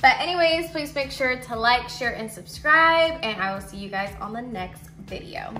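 A woman hosting a casual home cooking vlog, chatty and excited, tasting and explaining as she goes. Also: a little high, moderate pace. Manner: excited, chatty, lots of mm sounds. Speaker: cooking channel host. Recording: roomy room with background music.

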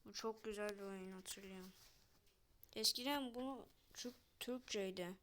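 A woman's voice: mid-range voice, unhurried, fairly bright tone, a little hiss or hum. A young woman chatting casually to viewers while she plays a game, muttering to herself between lines. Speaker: gamer vlogger. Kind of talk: casual gameplay commentary.

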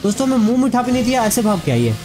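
A gaming YouTuber delivers rapid-fire let's-play commentary, chatting to his viewers as though they were friends. His voice is high for a man, with steady game audio clearly audible beneath it.

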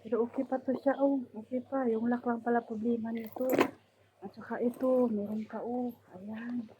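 A woman's voice: a little high, steady tone, moderate pace. A Filipino woman vlogger chatting casually and showing things to the camera, with many fillers. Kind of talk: casual vlog. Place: indoors, room of a household abroad. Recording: tinny phone-like sound, faint noise.

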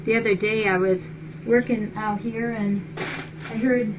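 Hosting a live webcam stream from a cat rescue shelter's large indoor room, an older woman reads things aloud and chats in a casual, appreciative way. Her voice is medium-pitched and steady, her pace measured. Because the fixed webcam sits far away, the sound comes through muffled and noisy.

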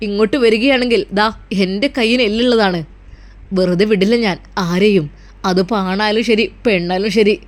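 A woman's voice: medium pitch, moderate pace, close to an everyday voice. A woman voicing a protective young husband and son who speaks firmly and reassuringly. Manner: firm, commanding, reassuring.

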